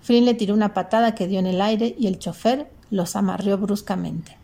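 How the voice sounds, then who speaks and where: Narradora de voz rasposa y oscura. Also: female voice, mid-range voice, moderate pace, dark tone. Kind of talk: storybook reading.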